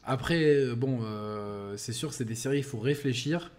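A man co-hosts a podcast, talking with slangy enthusiasm and bursts of laughter. His voice sits at an average pitch for a man. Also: unhurried, a little mellow. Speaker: podcast co-host. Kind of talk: casual chat.

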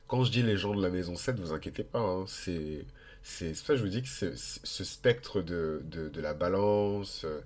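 Low, nasal, congested Frenchman thinking aloud. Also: darkish tone. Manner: informal, hesitant, thinking aloud. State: blocked nose. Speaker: astrology podcast host. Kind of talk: casual explanatory monologue with digressions.

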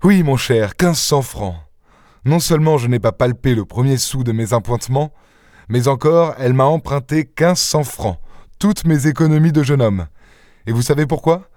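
A man voicing a proud, quick-tempered young gentleman burglar in an audiobook, speaking in a scornful, theatrical way. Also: mid-range voice, expressive, no room sound, clean studio sound, lightly acted. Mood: amused. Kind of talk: audiobook character reading.

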